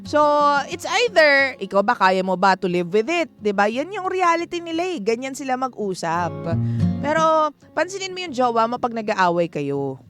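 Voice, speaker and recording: A fairly high-voiced woman hosts a radio advice segment from a studio, talking in a chatty, frank, teasing way and breaking into laughs. A clear music bed plays under her voice throughout. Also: very animated, normal speed. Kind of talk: late-night radio advice talk.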